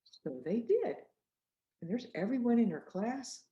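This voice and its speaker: A woman author reading her picture book aloud to young children, gently and slowly, inviting them to repeat the words. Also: fairly high pitch, very animated, highs cut off. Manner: gentle, slow, coaxing, inviting kids to repeat.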